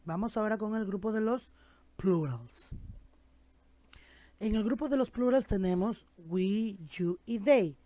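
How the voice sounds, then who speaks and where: A woman teaching an English lesson in Spanish, speaking slowly and patiently, repeating phrases for students to copy and often checking they follow. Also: medium pitch, dark tone, dry recording. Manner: checks understanding with frequent tag questions. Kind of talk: classroom language lesson.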